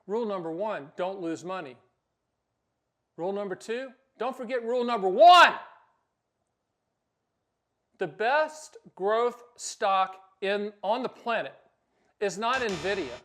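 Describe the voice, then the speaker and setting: A man's voice: high-pitched, lively intonation, measured pace, fairly bright tone. A man hosting his own channel as an annuity agent, explaining casually in a brash, joking, self-promoting way. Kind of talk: casual talking-head explainer.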